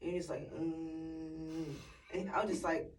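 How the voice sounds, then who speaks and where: A woman telling lively stories as a guest in a casual podcast chat. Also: lowish voice, rapid-fire, reverberant, distant mic, a crowd in the background, low-quality recording. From Boston area. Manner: animated, laughing storyteller.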